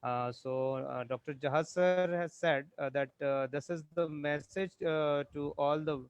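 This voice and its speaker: A man with an Indian English accent hosts a professional webinar over a video call, pausing often on "uh" between phrases. His voice sits a little high and the audio is dull and lo-fi. He keeps a formal, thankful tone. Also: fairly even intonation, clear, resonant tone, no room sound. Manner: halting, many "uh" fillers. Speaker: webinar moderator. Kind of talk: hesitant formal webinar hosting.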